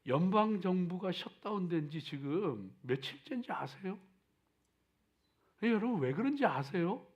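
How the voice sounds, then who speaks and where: A man preaching a sermon as a pastor, with emphatic exhortation that moves between hushed asides and loud declarations, repeating key phrases and putting rhetorical questions to his listeners. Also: high-pitched, expressive, measured pace, dull audio. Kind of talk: sermon to a congregation.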